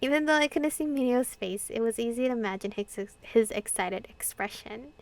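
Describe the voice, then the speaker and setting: Reading a visual novel's dialogue and narration with expression, this young adult gaming creator giggles and reacts casually as game music plays underneath. Her voice is a little high and slightly mellow, at a moderate pace, with no echo.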